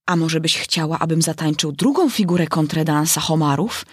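A woman's voice: low voice, moderate pace, slightly rough, no room sound. A fussy, touchy male griffin from a storybook, as a woman puts him on. He talks in a raised, eager voice, and the sound is dry and close.

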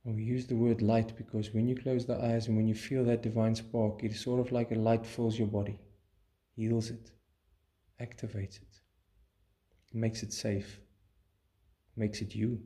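Mellow man guiding a calm meditation. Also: lowish voice. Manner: calm, measured, soothing delivery with pauses. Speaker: guided meditation teacher. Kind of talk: guided meditation.

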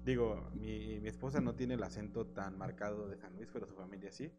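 A young man with a central Mexican accent, hosting a casual conversation, relaxed and chatty, acting out people he quotes. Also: fairly low pitch, fairly quick, over music, poor audio. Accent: central Mexican Spanish. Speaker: host.

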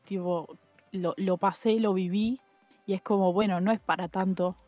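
A woman's voice: medium pitch, steady tone, normal speed, no echo. A young woman co-hosting a casual podcast chat, talking hesitantly with many fillers and restarts. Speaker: podcast co-host. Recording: dull muffled sound with faint music.

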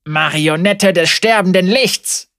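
A man voicing a young, ragged male heretic preacher who accuses and rails loudly at a crowd. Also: sits high, takes it slowly, gravelly, dry recording, studio quality, voice pushed up, full character voice. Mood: scornful. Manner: impassioned, accusing, loud preaching. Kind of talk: audiobook character voice.

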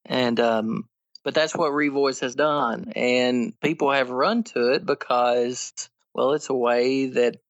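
A man being interviewed on a podcast as a guest theologian, explaining in an earnest way and growing animated when he argues. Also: medium pitch, slow, no room sound, dull audio. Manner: earnest, animated when critiquing, frequent restarts.

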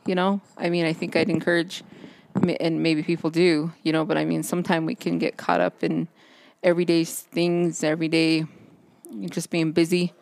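A woman with a fairly low, flat voice co-hosts a relaxed faith podcast. She talks in halting starts and restarts, leaning on fillers as she gathers her thoughts. She is recorded outdoors under a backyard overhang. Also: creaky. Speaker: podcast co-host. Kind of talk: casual faith chat.

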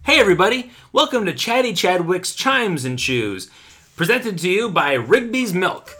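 A man's voice: sits high, sing-song, moderate pace, pushed and bright, full character voice. A man playing an earnest, grandiose, lovelorn radio poet-doctor in a mock radio segment, with theatrical, florid delivery. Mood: cheery sponsor pitch. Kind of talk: mock radio segment with sponsor reads and dramatic poetry.

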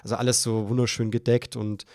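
A young podcast host tells a long story in casual chat, talking a little fast. He's an animated narrator who voices his own panic in a high, flustered pitch, recorded dry at studio quality.

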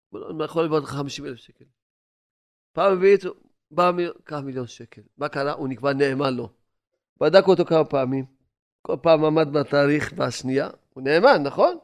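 Male preacher, sermon storyteller, slightly high voice, loud-soft swings. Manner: storytelling, swinging between loud exhortation and hushed asides.

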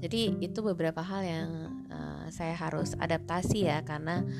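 A woman from Indonesia tells a story in a chatty, loose way, with many fillers and English phrases dropped in. Her voice sits a little low for a woman, and clear guitar music plays under her. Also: normal speed. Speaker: storyteller recalling an exchange year. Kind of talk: casual storytelling monologue.

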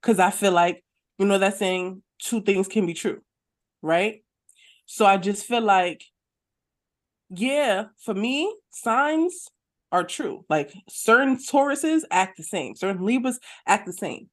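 A woman's voice: medium pitch, expressive, slow. A woman co-hosting a podcast in casual, slangy banter, often checking that the listener follows. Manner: slangy, conversational, peppers talk with check-in questions. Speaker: podcast co-host.

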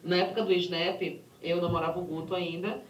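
A woman telling a personal story in an animated, indignant way. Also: fairly low pitch, fairly quick, over loud music. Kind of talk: casual storytelling. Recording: very echoey room sound.

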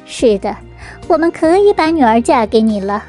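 A woman's voice: fairly high pitch, big pitch swings, normal speed, a little mellow, faint music behind. A woman voicing a jovial, commanding king with a regal, decisive manner in a children's fairy-tale reading. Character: jovial, commanding old-fashioned storybook king.

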